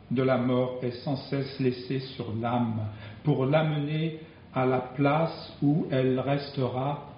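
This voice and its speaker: A man preaching a sermon in slow, deliberate phrases with long pauses. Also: medium pitch, reverberant, lo-fi sound, slight background noise.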